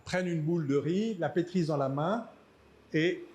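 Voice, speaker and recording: A man's voice: fairly high pitch, moderate pace, darkish tone, slight background noise. A man giving an academic lecture, hesitant and repeating words, with dry asides. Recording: echoey hall.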